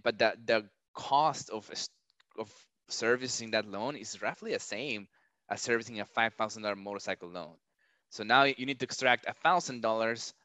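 A man's voice: fairly low pitch, sharp tone, clear, resonant tone, no echo. A man as a podcast guest, explaining finance step by step with frequent restarts. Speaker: startup founder guest. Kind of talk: casual interview chat. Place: lives in a large city.

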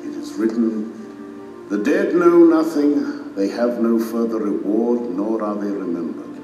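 A man plays a majestic king passing judgment in an audio drama. His delivery is low, solemn and deliberate, declaimed like a sentence from the throne. It rings through a long, echoing hall over clear background music. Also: mellow, natural voice. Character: majestic stern king and divine judge pronouncing sentence. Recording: echoey reverberant hall, distant, music underneath.

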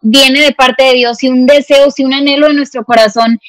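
A woman's voice: high voice, steady tone, moderate pace, a bit bright, no echo. A woman in her twenties with a northern Mexican accent from Monterrey, chatting effusively and emphatically as a podcast guest. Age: 20s. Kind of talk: casual conversational interview. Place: remote call recording.

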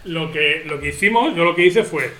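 A man in his thirties chatting casually on a panel, telling funny stories with squeaky acted quotes. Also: lively intonation, normal speed, bright, forceful tone. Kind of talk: casual chat. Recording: echoey room with crowd noise.

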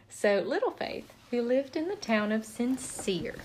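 A woman's voice: on the high side, animated, slow, darkish tone. A woman co-hosting a podcast, chatting casually about a book, joking and laughing often. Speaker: podcast co-host. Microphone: podcast mic.

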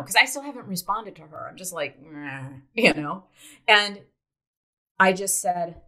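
A middle-aged woman from South Dakota, United States, tells a personal story in an earnest, reflective way, her voice medium-pitched and sharp and her speech marked by hesitant fillers.

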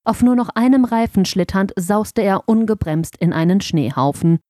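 Gentle female storyteller for a kids' audiobook, mellow and dry, close mic. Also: medium pitch, lively intonation, normal speed, no room sound. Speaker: audiobook narrator. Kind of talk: scripted children's story narration.

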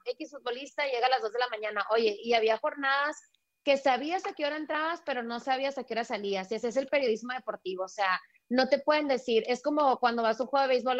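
A woman, a sports journalist, telling her story in a lively way over a remote call and acting out the people she quotes. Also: high-pitched. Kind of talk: animated storytelling in a casual interview. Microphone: remote video call. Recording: dull lo-fi call audio.

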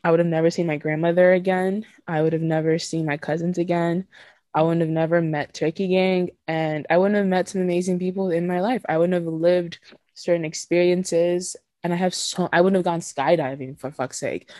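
A young woman from Nigeria hosts a podcast in a low, dry voice. She talks frankly and emotionally, with casual swearing and laughter between thoughts. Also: fairly even intonation, fairly quick, warm tone, no room sound. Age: 20s. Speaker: podcast host. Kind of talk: candid podcast conversation.

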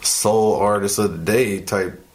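A very low-voiced man keeps the chat loose, needling his co-host with relaxed teasing. His tone stays easygoing and conversational throughout. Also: a little slow. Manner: laid-back, teasing banter. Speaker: podcast co-host. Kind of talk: casual chat.

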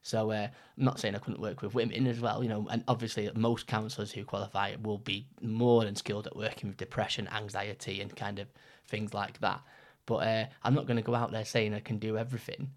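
A man's voice: on the low side, little pitch movement, fairly quick. A young man in casual podcast chat, rambling with many fillers and restarts. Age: young adult. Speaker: trainee counsellor, podcast co-host.

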